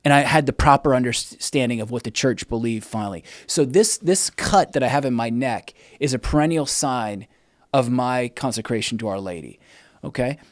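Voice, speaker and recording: A middle-aged man, an interview guest, telling his personal testimony in a candid, animated way and acting out the dialogue. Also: mid-range voice, moderate pace, dry recording, studio quality.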